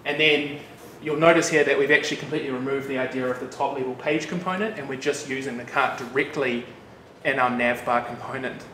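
A medium-pitched New Zealand man speaks a little fast with few pauses, giving a casual technical talk as a developer at a meetup. His delivery is relaxed and chatty, loaded with fillers and asides, in a bright, loft-like office with an audience. The room mic is some way off, leaving the sound echoey, distant and noisy.

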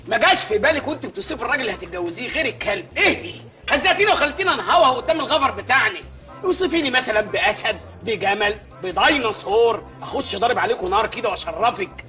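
A loud, excitable village mayor with an Egyptian Arabic accent, grumbling and ranting in a very high, bright voice. He fires his words off at great speed in a film comedy, with faint music underneath. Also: heavily acted. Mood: mocking. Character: blustering, superstitious male village mayor.

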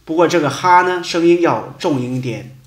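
A man teaching a memory lesson, chanting short mnemonic verses slowly and deliberately. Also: fairly high pitch, animated. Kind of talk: educational lesson with mnemonic rhymes. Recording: echoey room.

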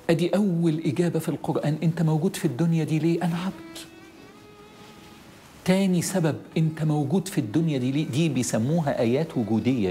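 A man's voice: a little high, vocal fry, dark tone. A middle-aged man with an Egyptian Arabic accent, preaching a sermon in an emphatic way, repeating key phrases and speaking straight to the listener.

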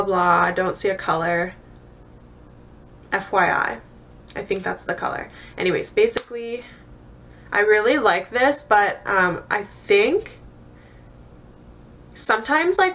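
Tired young canadian woman rambling through a makeup haul, lots of ums and likes, middle pitch. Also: a bit bright. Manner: rambling, many fillers and restarts. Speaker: beauty vlogger. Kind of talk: casual haul video chat.

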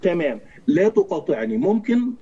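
A man's voice: sits high, sing-song, moderate pace, warm tone, breathy edge, dull audio. A man calling into a debate, indignant and defensive. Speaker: caller. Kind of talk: heated debate.

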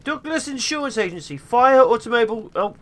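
Super high voiced guy doing playful game commentary, bright and lively, excitable, faint game music. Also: brisk. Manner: excitable, theatrical. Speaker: gaming video host.

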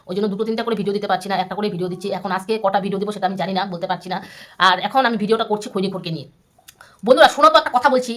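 A young woman vlogger roasting another creator, scolding and mocking in an angry rant. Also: on the high side. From India. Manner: scolding, mocking, shouting insults. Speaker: YouTuber.

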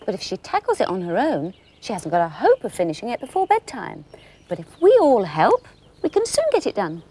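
A woman's voice: medium pitch, wildly swooping pitch, brisk, warm tone, breathy edge, exaggerated voice. A woman playing a kindly, encouraging children's show character.

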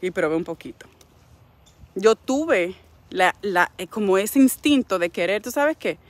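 A woman's voice: mid-range voice, lively intonation, a little slow. A middle-aged Dominican woman speaking with a Dominican Spanish accent, a wellness coach giving a frank, preachy, faith-based motivational talk. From Dominican Republic.

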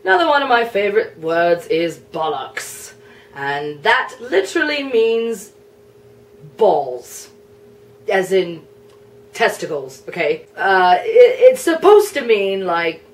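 A woman's voice: medium pitch, big pitch swings, slow pace, far from the mic. A woman playing England, a prickly young male nation personified, in a chatty, explanatory cosplay Q&A. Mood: explaining. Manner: chatty, explanatory, a bit flustered, laughs often. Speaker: cosplayer answering viewer questions. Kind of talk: in-character cosplay Q&A.

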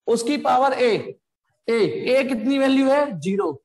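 A man's voice: very high-pitched, a little slow, a little mellow, reverberant. A man teaching a physics class, calling his students beta and quizzing them as he works through each step. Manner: addresses students as beta, asks them questions.

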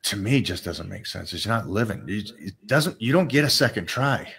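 Man, low voice, lively pitch, teasing, motivational, live Q&A co-host, desk mic. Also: moderate pace, vocal fry. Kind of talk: live Q&A chat. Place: studio set with backdrop. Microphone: desk microphone.

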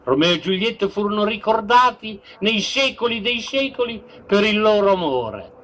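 High-voiced man telling a comic tale in Romagnol dialect. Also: sing-song, moderate pace, fairly bright tone, rough recording. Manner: playful, mixes dialect with standard speech. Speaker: comic storyteller. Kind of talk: comic retelling of a classic tale on a live stage. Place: outdoor village festival stage.

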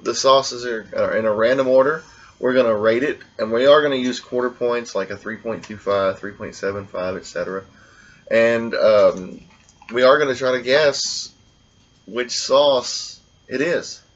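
A man hosting a casual blindfolded taste test, talking in a relaxed, rambling way. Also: mid-range voice, moderate pace, highs cut off. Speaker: food vlogger.

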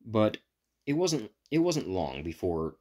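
A man's voice: fairly low pitch, very animated, slow pace, a little mellow. A man improvising a fan story, rambling with frequent stops and restarts as he retells it. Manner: rambling, stop-and-start retelling.

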